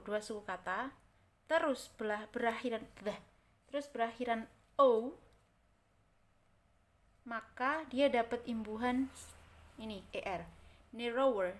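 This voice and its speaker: A woman with an Indonesian accent teaching English grammar. She repeats example words and keeps checking that her listeners follow. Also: on the high side. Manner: repeats example words slowly, checks understanding with "kan?" and "oke?". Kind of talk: explaining grammar in a recorded lesson.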